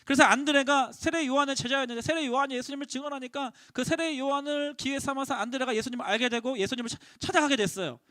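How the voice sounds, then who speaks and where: A man preaching a sermon to middle schoolers as a youth pastor, animated and acting out the quotes he tells. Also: very high-pitched, fast talker, hardly any pauses, no room sound, studio quality. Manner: animated, acts out the biblical quotes.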